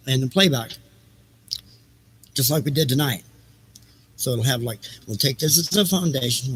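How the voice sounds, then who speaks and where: On a livestream of readings and music, this male host improvises loose, rambling talk, repeating himself as he works through his thoughts. His mid-range voice is a bit bright, with a little hiss or hum in the audio.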